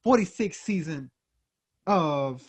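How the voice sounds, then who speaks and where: A man's voice: a little high, lively intonation, slow pace, husky, no room sound. Laid-back slangy man on a podcast. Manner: laid-back slangy talk with many fillers. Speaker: podcast co-host. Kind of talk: casual chat.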